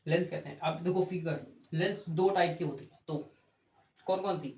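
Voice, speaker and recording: Male physics teacher, fairly high voice, step-by-step lecture with rhetorical checks, echoey room. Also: fairly even intonation, normal speed, darkish tone. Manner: explains step by step, asks rhetorical checks, corrects himself. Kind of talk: classroom lecture with board drawing. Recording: echoey room with faint ambient noise.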